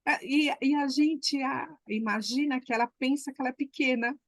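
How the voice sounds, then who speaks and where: Effusive woman, higher voice, dry sound. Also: moderate pace, no echo. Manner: effusive, repeats words for emphasis. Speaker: class participant. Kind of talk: emotional storytelling on a call.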